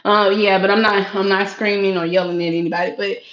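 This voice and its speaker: A woman hosts a casual live stream from a small, sparse, echoey home room used for crafting and recording, chatting and laughing as she reacts to viewer comments. Her medium-pitched, fairly bright voice carries and projects, level in tone and fairly quick. The sound is echoey, dull, and lo-fi.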